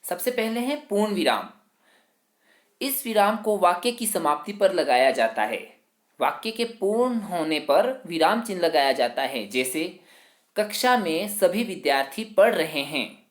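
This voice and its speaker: A man's voice: high voice, big pitch swings. Male teacher in an echoey room. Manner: slow, explanatory, leans on the filler "jo hai". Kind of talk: Hindi grammar lesson.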